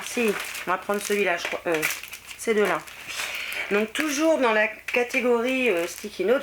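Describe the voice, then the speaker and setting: A woman's voice: medium pitch, background noise. A middle-aged French woman chatting casually through a shopping haul, with many hesitations and fillers. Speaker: vlogger. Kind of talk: casual haul video chat.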